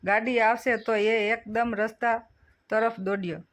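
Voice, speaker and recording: Storyteller reading a short story, steady and measured. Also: medium pitch. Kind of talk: scripted story narration.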